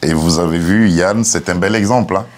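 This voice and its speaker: A man hosting a TV interview in a studio, asking questions and giving steady agreeing replies. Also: sits low, brisk. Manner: affirming, frequent backchannel "ouais". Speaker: TV journalist host.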